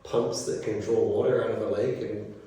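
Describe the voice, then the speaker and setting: A man from New Zealand talks through his answers in an easy, meandering way, full of ums and restarts, his voice low and mellow. He sounds set back from the mic in an echoey school room with a faint hum around him. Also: moderate pace, distant mic. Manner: relaxed, rambling, many fillers. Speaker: teacher. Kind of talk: casual interview answers.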